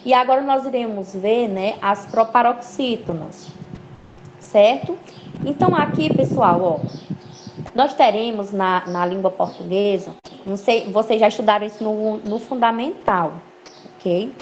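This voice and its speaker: A woman teaching an online class in a lively, up-and-down voice, checking in with her students over and over. The audio is a bit dull and lo-fi, with a faint hiss underneath. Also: medium pitch, unhurried. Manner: didactic, checks in with frequent "ok?" and "né?"; lively, rising emphasis on key words.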